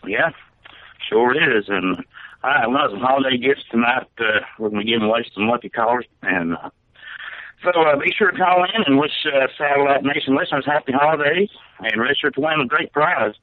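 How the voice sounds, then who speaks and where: A man's voice: mid-range voice, expressive, fairly quick. A man co-hosting a call-in radio show, talking loosely with fillers as he reads out numbers and prizes. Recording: phone-like narrow line.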